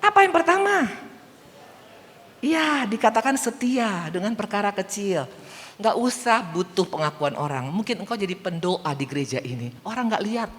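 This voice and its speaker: A woman preacher delivering a sermon, her voice swooping up and down with lively storytelling. She keeps turning to the congregation with questions. Long reverb from the large church hall trails every phrase. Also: medium pitch, normal speed. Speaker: evangelist preacher.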